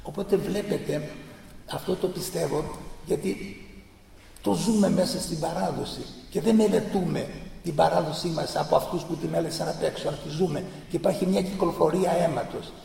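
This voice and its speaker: Male lecturer, gravelly and fervent, emphatic repetition; distant mic in a roomy hall. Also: on the high side, dark tone, slight background noise. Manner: fervent, emphatic, piles up repeated phrases. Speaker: speaker giving a talk on church tradition. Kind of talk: impassioned public lecture. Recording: echoey hall from far off.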